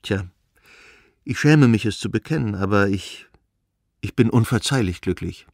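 A man's voice: fairly low pitch, expressive, moderate pace, darkish tone, dry recording, studio quality. A male reader voicing Anna, a young noblewoman who talks eagerly and tenderly about her own happiness, in an audiobook reading. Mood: confiding.

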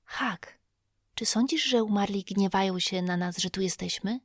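A jittery young boy whispers through the dark, his voice lifted high above a grown reader's own pitch, the way a woman puts him on in an audiobook. He is hushed and anxious, yet he keeps pushing to sound brave, and the dry, close recording puts every breath right beside the ear. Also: normal speed, dry recording. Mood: hushed fearful. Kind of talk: audiobook character voice.

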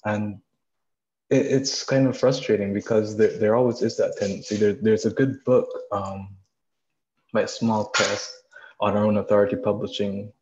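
Young man, low voice, relaxed and chatty, dull lo-fi video-call sound. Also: moderate pace, background noise. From Barbados. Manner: relaxed, chatty with fillers and small laughs. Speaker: audience participant. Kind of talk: casual discussion.

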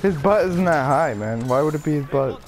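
A man's voice: fairly high pitch, animated, moderate pace, faint music behind. A young man teasing his friends in a casual chat while they play a game. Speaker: gamer and video maker.

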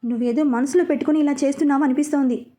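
A woman's voice: high-pitched, steady tone, very fast, mellow, natural voice. A woman voicing a curt, dismissive young husband, in a storybook reading. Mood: angry.

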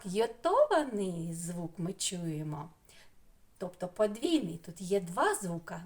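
Slow, sing-song Ukrainian woman teacher. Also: mid-range voice, a little mellow. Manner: slow, sing-song, stretches syllables for children. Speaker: preschool teacher. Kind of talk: online lesson for young children.

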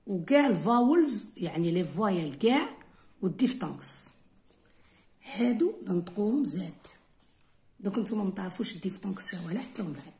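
A woman teacher with an Algerian Arabic accent walks through an exam correction, explaining each point step by step. She moves between Arabic and English. Her pace is unhurried and her pitch swings widely. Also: mellow.

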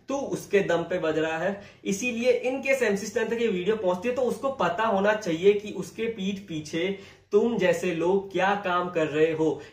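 A man's voice: high-pitched, far from the mic. A young man, a YouTuber giving a heated, confrontational rant to camera and repeating his phrases. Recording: echoey room, voice off-mic.

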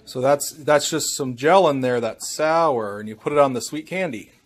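A woman's voice: a bass voice, normal speed. A woman chatting casually indoors as an off-camera co-host, giving prompts. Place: indoors in a home room.

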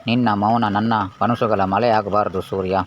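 A man voicing a young mother who is loving and anxious, reading her lines slowly and tenderly. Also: fairly low pitch, fairly even intonation, lightly acted. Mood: worried. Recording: dull lo-fi with faint hiss.

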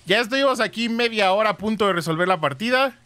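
A man's voice: sits high, animated, fast, bright, forceful tone, clean tone, no room sound. A man streaming a ghost-hunting game, chatting with viewers and thanking them, with dramatic exclamations. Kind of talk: live game stream with chat.

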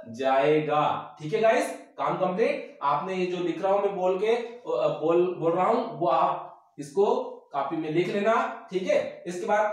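A man teaching a board exam grammar lesson, dictating definitions slowly and repeating them. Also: high-pitched. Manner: slow, repetitive dictation of definitions. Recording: echoey room, mic far off.

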